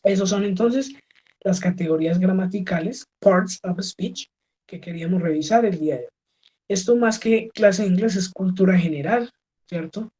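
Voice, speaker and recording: A woman's voice: mid-range voice, moderate pace, dark tone, poor audio. A woman teaching English in an online class. She explains patiently, mixes Spanish with English examples, and checks in often with "¿sí?" and "¿ok?". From Colombia. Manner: switches between Spanish and English. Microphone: video call.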